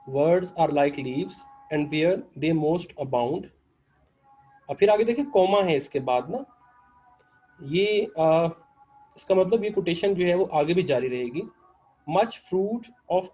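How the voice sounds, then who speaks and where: A man's voice: a little high, dark tone, breathy edge, dull audio. A man with a Pakistani accent teaching an English literature lecture online, explaining patiently, slipping into English and leaning on filler phrases.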